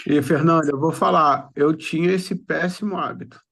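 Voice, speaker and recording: Brief: fairly high, gravelly male voice, frank and reflective. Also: normal speed, a bit bright. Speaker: mentoring participant. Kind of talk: casual chat.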